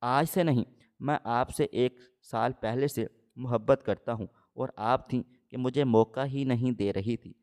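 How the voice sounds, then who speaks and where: A man's voice: medium pitch, a little mellow, close to an everyday voice. A man voicing a lovesick young caller. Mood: pleading. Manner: pleading, earnest. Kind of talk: storybook reading.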